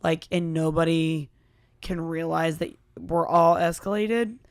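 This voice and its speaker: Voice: mid-range voice, fairly even intonation, unhurried. A podcast host in casual chat, affirming and talking with many "like" fillers.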